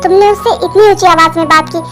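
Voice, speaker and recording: A woman's voice: very high-pitched, steady tone, quick pace, fairly bright tone. A woman voicing a strict middle-aged mother who scolds her son sternly, in a Hindi fan dub. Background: background music.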